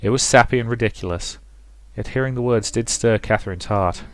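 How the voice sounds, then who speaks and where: A British let's play host in his twenties reads a visual novel aloud, tossing in wry, rambling commentary along the way. His mid-range voice moves fairly quickly in this casual talk.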